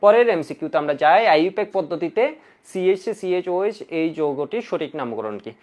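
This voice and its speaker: Male chemistry tutor, exam cram lecture, animated, coaxing Q&A delivery. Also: a little high, a little fast. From Bangladesh. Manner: lively, coaxing, asks students questions and answers them himself; repeats key rules in drilling chants. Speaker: chemistry teacher.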